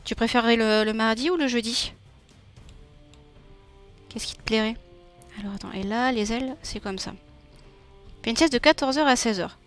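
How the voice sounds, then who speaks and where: A young woman with a southern French accent from Nîmes draws on a live stream while casually talking with her viewers and laughing often. Her voice is on the high side, at a moderate pace with frequent pauses, and faint music sits behind her. The streamer and illustrator is chatty and warm, reading the chat aloud.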